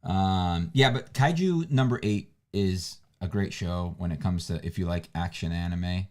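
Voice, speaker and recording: A man's voice: sits low, a little slow. A man co-hosting a livestream, chatting casually and rambling with frequent restarts. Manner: relaxed, rambling, restarts a lot. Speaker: livestream co-host. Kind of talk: casual chat.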